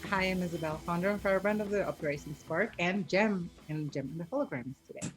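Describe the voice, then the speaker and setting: A woman co-hosts a podcast, chatting casually in a conversational panel, talking fast in a fairly low voice over music. There's a little noise in the recording.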